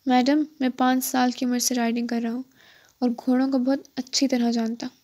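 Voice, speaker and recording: A woman's voice: high voice, level tone, darkish tone. A woman voicing a tall, charming foreign male mountain climber with a playful, dryly teasing manner, in an audiobook.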